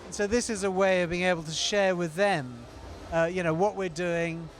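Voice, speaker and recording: A man, an event organizer and former TV producer, chatting on a live stream in a loose, rambling way with many pauses. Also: high voice, fairly even intonation, soft background music. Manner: rambling, many fillers and restarts. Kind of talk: casual live stream chat.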